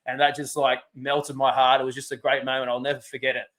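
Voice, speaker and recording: Dad in his forties, podcast co-host, middling pitch, heartfelt storyteller. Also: completely flat delivery, fast, fairly bright tone. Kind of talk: casual podcast chat, storytelling.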